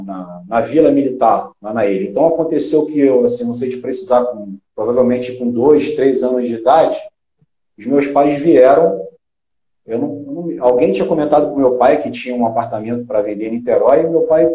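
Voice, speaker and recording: A former footballer in middle age, from Rio de Janeiro in Brazil, chats as a guest in a casual interview with a Carioca Brazilian Portuguese accent. His mellow, mid-range voice halts often, full of restarts and fillers, and the room sounds echoey.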